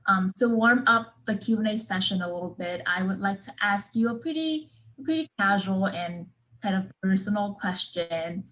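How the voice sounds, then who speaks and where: A woman's voice: mid-range voice, moderate pace, sharp tone, poor audio. A young woman moderating a Q and A on a video call, polite and partly scripted, with many likes and ums. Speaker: student moderator.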